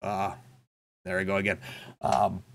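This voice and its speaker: A young content creator with a deep, slightly bright voice, vocal fry and a completely flat delivery talks candidly in a personal vlog update. He is reflective and halting, with frequent fillers and restarts, recording indoors in a small home room on a boom-arm desk mic with headphones on.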